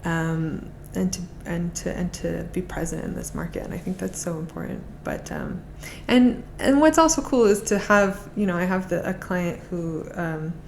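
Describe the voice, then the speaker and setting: An art auction specialist appears as a guest on a podcast, chatting casually and eagerly, often restarting her phrases. Her voice is lowish and gravelly at normal speed, with hardly any pauses, and there's a little hiss or hum on the recording.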